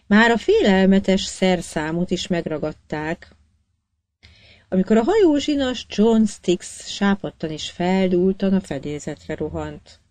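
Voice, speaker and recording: Woman narrating an audiobook, mellow tone. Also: medium pitch, big pitch swings, no room sound. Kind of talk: scripted narration.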